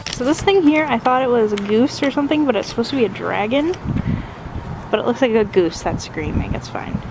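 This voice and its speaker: A woman's voice: on the high side, lively intonation, brisk, gravelly, heavy background noise. A young adult woman giving a chatty, informal walking tour of a campus as a vlogger, recorded outdoors. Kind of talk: casual walking vlog chat.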